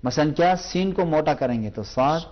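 A man with a slightly high voice and lively intonation teaches Quran recitation in a televised lesson, patiently explaining pronunciation and slowly repeating each sound to demonstrate. The audio sounds dull.

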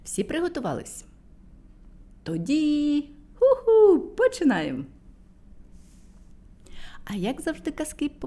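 A woman with a mellow, mid-range voice tells a fairy tale to small children in a playful storyteller manner, dropping to a whisper at moments.

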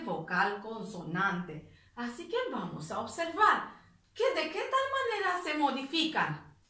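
A woman teaching an English grammar lesson, explaining step by step and repeating words slowly. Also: high-pitched, bright, forceful tone, roomy sound, far from the mic.

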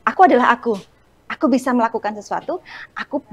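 A woman in her forties explains parenting in easy, conversational talk, her voice sitting a little high. She is chatty and lively, often slipping into quoted lines from her family. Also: quick pace, husky, dull audio. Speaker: parenting talk show guest.

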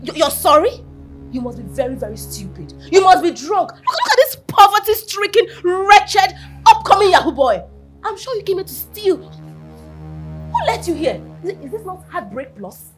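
A Nigerian actress playing a vain, boastful female influencer who insults people in a haughty way, with soft film music behind. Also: extremely high pitch, very animated, moderate pace. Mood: furious. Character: vain lying female social media influencer. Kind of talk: Nollywood film acting.

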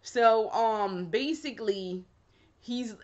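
A woman's voice: on the high side, takes it slowly, a little mellow, lo-fi sound. Woman chatting in a slangy recap. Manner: casual, slangy and swearing, laughs while retelling. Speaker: vlogger reviewing a show. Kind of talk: casual chatty review.

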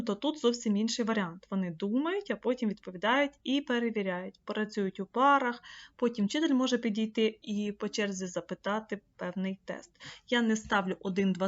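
A woman trainer teaching an online course, explaining a screen-share tutorial step by step and addressing viewers directly. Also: mid-range voice. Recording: slightly dull lo-fi mic.

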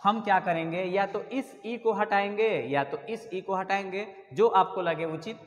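A man's voice: high voice, measured pace, long reverb tail, a little hiss or hum. A male English teacher explaining a grammar lesson step by step, often spelling words out letter by letter.

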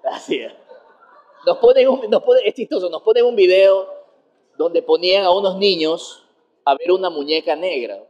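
In a casual interview chat, a guest comedian rambles animatedly and laughs as he talks. His voice is high and his speed normal, and the recording sounds muffled.

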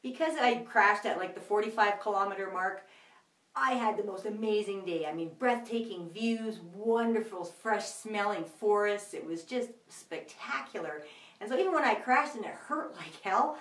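Energetic woman vlogging in an echoey room. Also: normal speed. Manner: energetic, laughs easily, big pitch swings. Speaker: motivational vlogger. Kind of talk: casual motivational video message. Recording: echoey room, mic at a distance.

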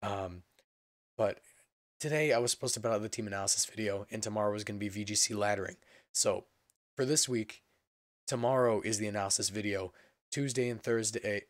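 Young man, low pitch, hoarse voice giving out, casual gaming vlogger, rambling delivery, dry room sound. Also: steady tone, fast talker, no room sound. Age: young adult. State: hoarse, voice giving out from being sick. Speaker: gaming channel host. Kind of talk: casual update vlog. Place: indoor room at a computer.

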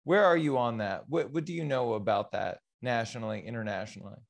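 A man's voice: mid-range voice, brisk, creaky. Upbeat man hosting over video. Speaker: town hall host. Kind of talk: casual interview. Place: home studio, indoors. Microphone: boom microphone on video call.

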